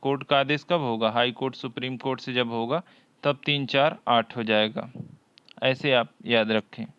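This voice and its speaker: A man teaching a Hindi exam-prep lesson, reading each question aloud, often twice, and explaining the answer deliberately. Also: medium pitch, steady tone, a bit bright, clean tone, dry recording, dull audio.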